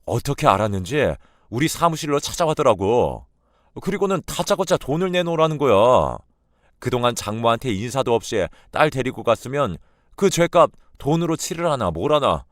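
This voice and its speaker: A man voicing a normally gentle husband in a furious outburst, in a radio drama. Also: medium pitch, very animated, moderate pace, no room sound, studio quality, voice pushed up, close to an everyday voice. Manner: angry outbursts.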